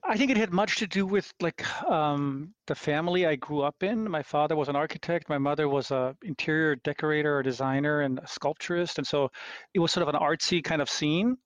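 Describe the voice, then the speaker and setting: A middle-aged man from Austria, a scientist guest giving reflective answers, halting and restarting as he thinks. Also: a little high, no room sound. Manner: thoughtful, halting with many restarts.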